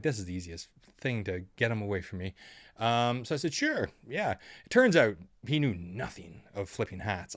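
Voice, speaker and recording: A man's voice: fairly low pitch, no echo, studio quality. A musician, a man, telling rambling stories to camera in a sardonic, offhand way, with lots of ums. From Canada. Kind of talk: casual storytelling monologue.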